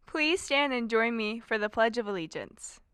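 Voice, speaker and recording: A teenage girl formally giving school morning announcements in a measured, reciting way. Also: fairly high pitch, expressive, a bit bright, clean tone, dry recording, studio quality.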